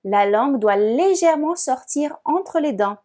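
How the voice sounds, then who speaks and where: A woman narrating a scripted language lesson as a pronunciation teacher, speaking clearly and deliberately and slowing down to model words. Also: high voice, expressive, warm tone.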